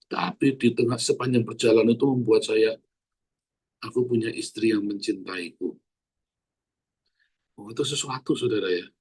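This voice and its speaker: A male pastor, preaching in an animated, earthy way and calling out to the congregation. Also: medium pitch, breathy edge. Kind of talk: sermon.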